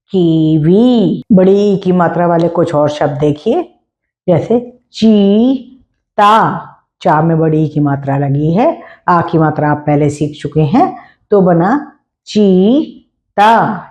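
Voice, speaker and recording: A woman's voice: deep voice, dark tone. A woman teaching a Hindi lesson, stretching out words syllable by syllable as she spells them. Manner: slow, drawn-out syllable-by-syllable spelling. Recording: dull lo-fi recording.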